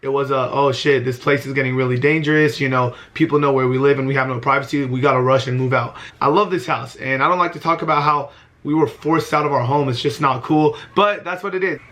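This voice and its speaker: A man's voice: mid-range voice, fairly even intonation, fast, a bit bright. A man in his early twenties talking earnestly to camera in a heartfelt vlog, often repeating himself for emphasis. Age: 20s. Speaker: vlogger.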